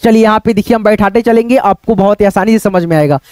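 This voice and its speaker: A man with a very high, crisp voice teaches letters step by step. He repeats himself patiently and keeps quizzing his viewers. The sound is dry and close. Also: fast, darkish tone, no room sound. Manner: repetitive and patient, keeps calling out to friends and asking check questions. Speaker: online Hindi teacher. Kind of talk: teaching at a board, explaining step by step.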